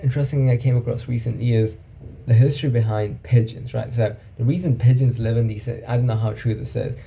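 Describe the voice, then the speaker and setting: A man with a very dark, mellow voice that has a gravelly edge muses aloud in a loose solo monologue. He thinks as he talks, keeps checking in with the listener, and a faint hiss sits behind him. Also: medium pitch, fairly even intonation, fairly quick. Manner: musing, thinking aloud, often asks "right?". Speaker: vlogger. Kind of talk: casual reflective monologue.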